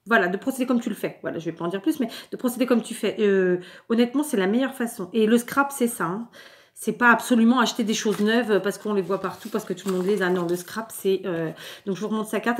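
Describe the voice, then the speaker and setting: A French woman vlogger chatting casually while showing scrapbooking mail, with many fillers and restarts. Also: medium pitch. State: clearing her throat, something in the throat.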